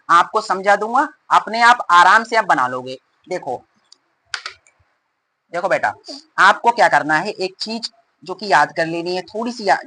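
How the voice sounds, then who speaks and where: A male math teacher explaining formulas in a rapid, repetitive way and calling his students "beta". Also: high voice, bright, forceful tone, poor audio. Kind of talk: fast classroom explanation.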